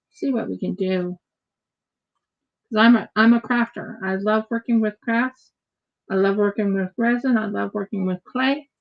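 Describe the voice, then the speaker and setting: Vocal fry colors this medium-pitched female voice, and the audio sounds dull. She's an American craft streamer who rambles casually on her livestream as she crafts, often repeating words.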